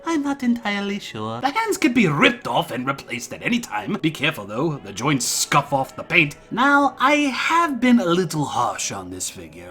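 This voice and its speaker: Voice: mid-range voice, pushed and bright. A reviewer voicing the Joker as a theatrical, cackling male clown villain while reviewing a toy. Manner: theatrical, sing-song, giggling between lines.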